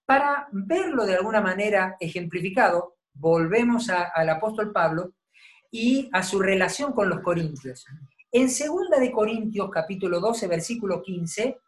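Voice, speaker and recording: Woman preaching a Bible lesson in a sermon. Her pitch sits in the middle of the range. She talks in an explanatory way and keeps checking that her listeners follow. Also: lively intonation, normal speed. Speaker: Bible teacher. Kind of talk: teaching sermon.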